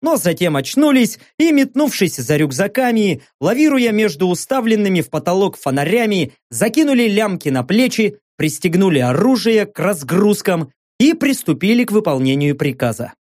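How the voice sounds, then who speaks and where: A man reading a first-person audiobook story as its narrator, in a measured, expressive way. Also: high voice, no room sound, studio quality.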